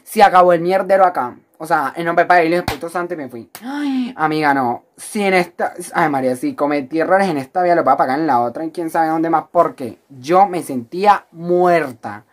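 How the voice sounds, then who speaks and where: A woman's voice: low-pitched, a little fast, few pauses. A woman with a Colombian accent telling a storytime vlog in a dramatic, exaggerated, slangy way, talking to the viewer like a close friend. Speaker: vlogger.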